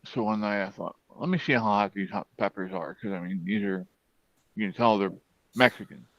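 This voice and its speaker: A man with a fairly low voice speaks haltingly in a casual chat, pausing often and starting over. The sound is dry and slightly muffled, with no room around it. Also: dry recording. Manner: halting, many fillers and restarts.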